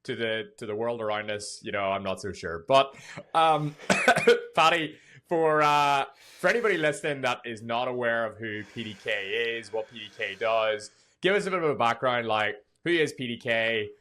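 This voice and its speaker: A man's voice: mid-range voice, normal speed, bright, forceful tone, a little hiss or hum. A man hosting a podcast, talking loosely with casual swearing and lots of fillers. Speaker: podcast host.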